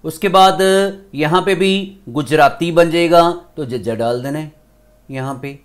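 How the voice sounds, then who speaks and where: A male school teacher with a Punjabi accent and a mid-range voice slowly walks through a grammar lesson step by step, switching between two languages.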